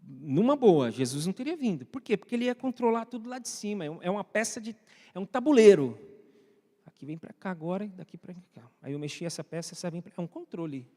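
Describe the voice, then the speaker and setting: A pastor with a Brazilian Portuguese accent delivers a conversational sermon in a church hall, frequently questioning the congregation and addressing viewers watching at home. His voice is high and dark-toned, expressive and fast. Long church reverb fills the recording.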